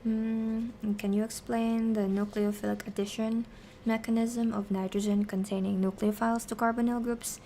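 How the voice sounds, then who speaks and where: Casting: female streamer-tutor, mid-range and fairly even voice, casual self-directed explanations, some background noise. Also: fairly high pitch, normal speed, poor audio. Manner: talks to herself while working through answers. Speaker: streamer teaching biochemistry. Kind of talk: casual study-stream explanation, question and answer.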